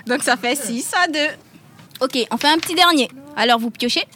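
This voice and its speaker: A woman hosting a radio game show, lively and quick to laugh. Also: high voice, a little hiss or hum. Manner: lively, laughing often, scoring and hurrying players. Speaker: game host.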